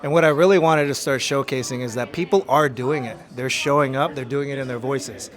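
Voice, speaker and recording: An artist from Los Angeles gives an earnest, motivational interview, reflecting on his work. His mid-range voice moves briskly, and music plays in the background.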